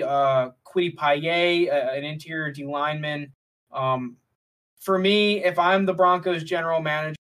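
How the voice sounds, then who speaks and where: A man co-hosting a casual sports talk show, relaxed and using many fillers. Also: a little high. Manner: relaxed, filler-heavy, leads the segments. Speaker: podcast co-host. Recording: voice distant from the mic.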